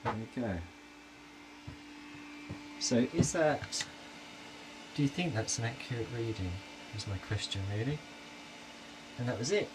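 Unhurried man, noisy home video. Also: mid-range voice. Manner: relaxed, hesitant, with frequent ums and uhs. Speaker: electronics hobbyist. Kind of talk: casual video question to viewers.

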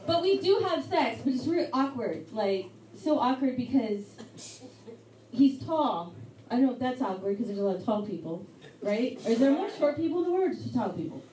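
A young woman from Mexico doing a live stand-up set in a pub, with a halting, rambling delivery full of fillers. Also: high-pitched, distant mic, background noise. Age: young adult. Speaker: stand-up comedian. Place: hotel pub comedy night. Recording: echoey live room miked from afar with loud crowd. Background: audience chatter and laughter.

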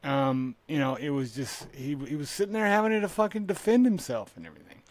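A man's voice: a little high, animated, brisk, no room sound. A man telling stories on a comedy podcast in a rambling way, repeating phrases and swearing freely. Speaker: podcast co-host. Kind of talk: casual comedy podcast chat.

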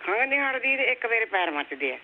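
An older woman calls in over a tinny phone line with faint hiss behind her voice. Her voice sits high, and she rambles on, heaping blessings on the host and talking straight past what he asks. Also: very animated, fast. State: persistent cough. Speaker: caller. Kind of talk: phone call to a talk show.

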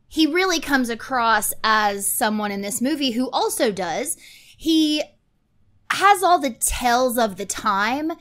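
Woman in her thirties, fairly high voice, eager movie chat, home studio desk mic. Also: a bit bright. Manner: eager, agreeing, quick to chime in. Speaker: podcast co-host. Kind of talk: casual film discussion. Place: small home studio room. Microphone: desk microphone.

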